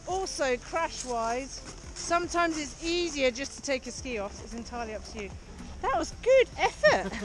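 A woman with a high-pitched voice gives a live ski lesson in a cheery, encouraging way, calling out short instructions. She is recorded outdoors on an action camera, with plenty of noise around her. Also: a bit bright, rough recording. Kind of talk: live beginner lesson, coaching and explaining to camera. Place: outdoors on a busy ski slope. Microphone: action camera held or worn.

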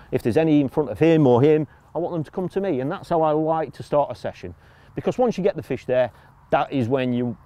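A man's voice: mid-range voice, dark tone. A middle-aged man from the UK explaining fishing technique outdoors by a lake, chatty and informal, often checking in with "all right?" and "you know". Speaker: angling coach. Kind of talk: casual outdoor tutorial.

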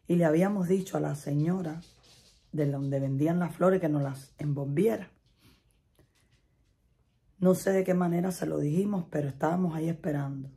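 A woman's voice: low voice, dark tone. A middle-aged Spanish-speaking woman telling a chatty personal story, laughing often and repeating herself. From Latin America. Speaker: vlogger.

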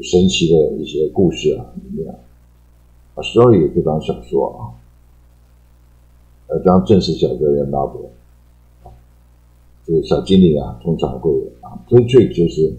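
A bass-voiced man with a dark tone and a Taiwanese Mandarin accent teaches English vocabulary informally. He explains each word with drawn-out fillers and plenty of repetition, and the audio is poor.

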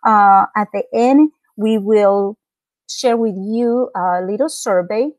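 A young woman moderating an online webinar from a room at home, heard over a video call. Her voice sits at a middle pitch and sounds dry and close. She talks in a friendly way, with frequent ums and uhs. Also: takes it slowly, darkish tone, no echo, low-quality recording. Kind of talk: live webinar hosting.

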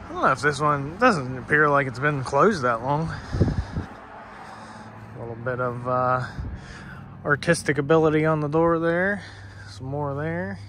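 A vlogger exploring abandoned places walks around outdoors in a parking lot, narrating off the cuff to viewers in a folksy, conversational way with a mid-range voice. The handheld recording picks up clear traffic noise and street and vehicle ambience.

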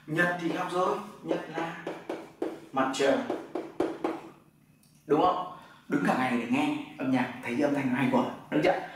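A man, his voice a little high, teaches a class and keeps checking that his students follow. He sounds far from the mic, in a very echoey room with faint noise behind him. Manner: explains step by step, often asks "right?" to check. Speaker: Chinese language teacher. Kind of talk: classroom lesson.

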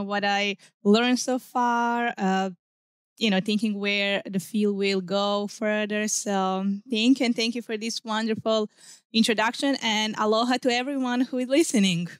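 Woman, from Serbia, Serbian native, interview guest, measured non-native phrasing, dry sound, average pitch. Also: fairly even intonation, smooth, dry recording. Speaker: guest researcher. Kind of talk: casual interview chat.

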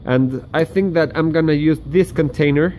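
A man's voice: fairly high pitch, normal speed, a little mellow, a little hiss or hum. Man showing gear, chatty and step-by-step. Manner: chatty, explains step by step to viewers. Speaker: outdoor gear vlogger. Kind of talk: casual hands-on demonstration. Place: indoors at a table. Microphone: camera filming hands from above.

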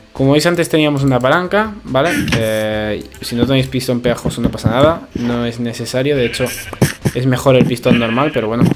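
Man chatting through a game tutorial. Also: medium pitch. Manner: chatty, explaining step by step, constant "¿vale?" checks. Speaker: gaming video creator. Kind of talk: casual gameplay tutorial narration. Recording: game audio with music behind.

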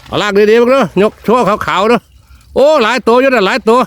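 Speaking quickly in an extremely high voice, a man with a northeastern Thai (Isan) accent narrates his outdoor countryside vlog. His commentary is exclamatory, and he keeps repeating short phrases as he moves along.

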